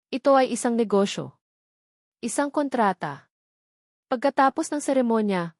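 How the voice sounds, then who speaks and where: A woman with a Filipino accent narrates a scripted dramatic story. Her voice is medium-pitched and a little mellow, recorded cleanly in a studio with no echo.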